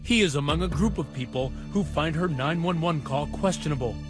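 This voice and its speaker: A man narrates a crime news segment in a measured, dramatic scripted style. His voice sits slightly high. A music bed plays clearly beneath him.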